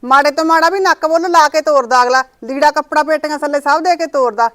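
A woman acting as a sharp-tongued mother-in-law who scolds without pause, her voice high and her words rattling out fast. It is a short-film drama with a domestic setting. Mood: scolding. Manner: scolding, nagging.

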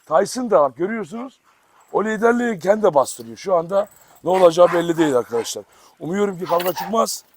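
Hosting an easygoing dog-farm vlog from an outdoor yard, a man talks with viewers and fondly coaxes his dogs along. His voice sits high, animated, and he talks fast, over a noisy outdoor recording.

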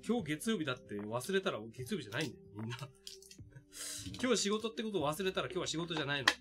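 A man unboxing products on a stream, chatting casually and exclaiming in surprise with rough, informal speech. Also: a little high, big pitch swings, fast, music in the background.

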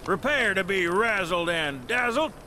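A man's voice: high-pitched, expressive, a little slow, sharp tone, slight background noise, heavily acted. An actor voicing a brash, cheery male pilot with a showy, folksy manner.

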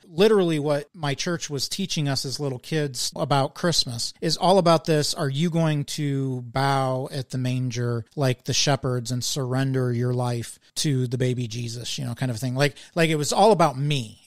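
A man's voice: medium pitch, no room sound, clean studio sound. A man hosting a podcast in casual chat, talking earnestly and with emphasis, laughing between points. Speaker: podcast host.

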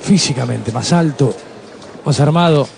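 Faint ringside noise lies behind a somewhat high-voiced man. He calls a boxing match live in short, clipped phrases, blow by blow. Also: a little slow, gravelly, a little mellow. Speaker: boxing play-by-play commentator. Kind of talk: terse live blow-by-blow commentary.

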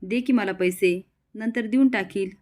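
A woman's voice: mid-range voice, measured pace, darkish tone, close to an everyday voice. A woman voicing a teasing, nagging middle-aged aunt who taunts her daughter-in-law. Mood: taunting.

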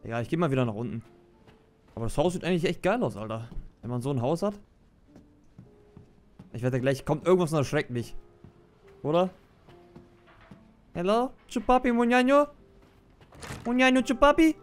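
A man's voice: on the high side, expressive, moderate pace, long pauses. A young man commenting on a horror game as a streamer, slangy and jumpy, yelping when startled. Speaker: let's play streamer. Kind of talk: casual gameplay commentary. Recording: game audio with music.

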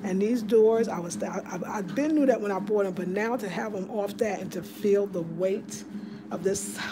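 A woman giving a chatty, excitable home tour to her viewers, filmed on a handheld phone in a small room. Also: medium pitch, normal speed, background noise. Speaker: home decor vlogger. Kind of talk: casual home tour vlog. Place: small room of a house indoors. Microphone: handheld phone camera.

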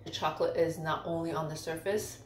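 A woman's voice: sits low, steady tone, fairly quick, soft background music. A woman vlogger giving a chatty, upbeat snack tasting review while chewing.

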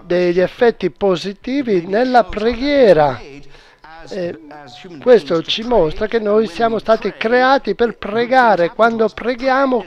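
Man, preacher, high-pitched voice, earnest, emphatic sermon delivery. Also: darkish tone, dull audio. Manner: earnest, emphatic, direct address.

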